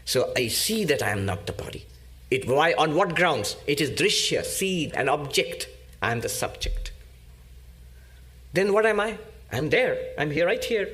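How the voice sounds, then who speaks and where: A man giving a spiritual discourse as a monk, teaching slowly and emphatically with pauses and repetition. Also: on the high side, very animated, fairly bright tone.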